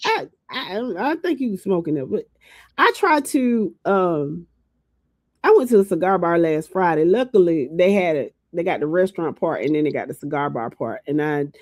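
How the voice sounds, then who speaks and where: A woman's voice: low voice, lively intonation, normal speed, a little mellow, no echo, clean studio sound. A woman from Georgia co-hosting a podcast in casual chat, teasing and laughing often. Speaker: podcast co-host.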